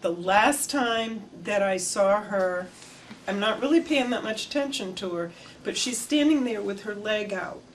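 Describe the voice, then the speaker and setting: An older woman recalls her past for an interviewer, her voice at an ordinary middle pitch. She tells the story with lively, animated delivery. A faint hiss sits under her voice. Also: measured pace. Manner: animated storytelling, gestures with hands. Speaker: oral history interviewee. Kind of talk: reminiscing interview. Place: indoor room before flags.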